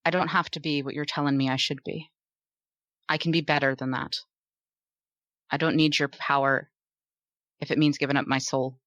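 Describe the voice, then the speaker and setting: A resolute young heroine speaks quickly and firmly, voiced by a tabletop player. Her voice is mid-pitched and the sound is dry. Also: little pitch movement, a bit bright, no echo, dull audio, natural voice. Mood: defiant. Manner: quick, firm refusal. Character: young woman hero, defiant and resolute.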